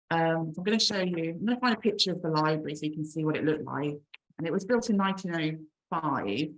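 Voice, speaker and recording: On a low-quality recording, an English woman in her forties with a Birmingham accent talks informally online as a children's author. Her pitch is fairly low, and her speech is full of ums and fresh starts.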